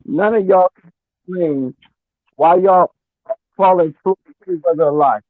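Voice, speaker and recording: A man's voice: sits high, unhurried, no echo. Muffled man arguing over a phone line. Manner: insistent, argumentative. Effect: muffled phone line, as if heard through glass. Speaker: caller. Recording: tinny dry phone call.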